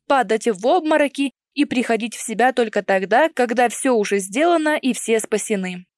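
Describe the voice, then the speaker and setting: A woman's voice: fairly high pitch, no room sound, clean studio sound. A woman narrating a first-person audiobook in a wry, conversational storytelling manner.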